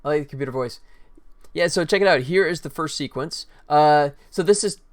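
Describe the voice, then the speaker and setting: A slightly high male voice, delivered a little fast. In a laid-back game dev livestream, he chats informally with viewers and walks them through work in progress.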